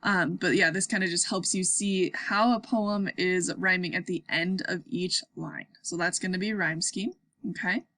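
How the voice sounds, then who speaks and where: A woman's voice: lowish voice, steady tone, normal speed, pushed and bright, no echo. A young woman teaching sixth-graders in a casual online lesson, upbeat and chatty, often checking in with her class.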